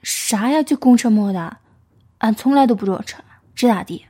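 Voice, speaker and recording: Woman voicing a thirties pickpocket man, Northeastern accent, gruff, defensive, breathy mellow tone. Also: medium pitch, normal speed, natural voice. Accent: Northeastern Chinese. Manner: gruff, defensive, playing dumb.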